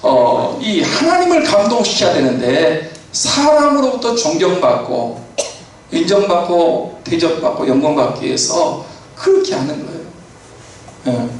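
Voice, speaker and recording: Male pastor, slightly high voice, casual sermon delivery; recorded from a distance with faint hiss. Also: huge pitch swings, unhurried. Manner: conversational preaching with frequent fillers and affirmations. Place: church sanctuary. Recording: echoey church hall from far off.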